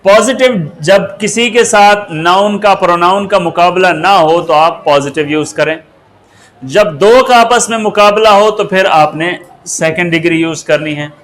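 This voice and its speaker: A man teaching English grammar, asking the class questions as he goes and spelling words out slowly. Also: high-pitched, a bit bright. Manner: slow and deliberate, asks the class rhetorical questions and spells words out. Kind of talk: grammar lesson.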